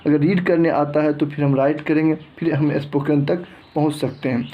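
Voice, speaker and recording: A man's voice: on the high side, fairly even intonation, normal speed, muffled recording. A man teaching English letter pronunciation, reading word lists one by one and often restarting his phrases. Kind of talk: explaining a lesson.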